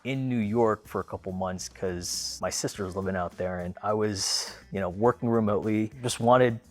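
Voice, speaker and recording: A car owner tells a casual story to the camera in a low, laid-back voice at a moderate pace. Born in the Philippines and raised in Los Angeles, he rambles in a relaxed way, often using fillers and restarting.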